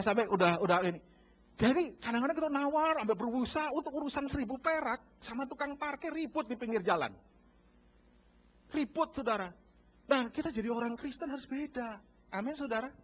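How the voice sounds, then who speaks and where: A man pastor preaching a sermon, animated and acting out bargaining scenes while addressing the congregation. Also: extremely high pitch, a little fast. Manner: lively, acts out bargaining dialogues, addresses congregation as saudara. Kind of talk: sermon with acted-out market scenes. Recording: dull lo-fi church recording.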